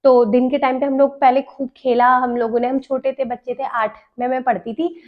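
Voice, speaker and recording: Chatting casually on her podcast, a young host shares stories and laughs while recalling them. She speaks at a moderate pace in a high voice with a flat delivery, and the audio is dull and lo-fi.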